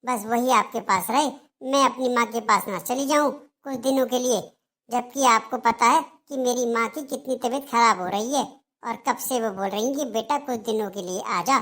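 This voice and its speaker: A woman's voice: on the high side, moderate pace, fairly bright tone, natural voice. A woman voicing a young daughter-in-law in a Hindi cartoon, complaining and answering back sharply.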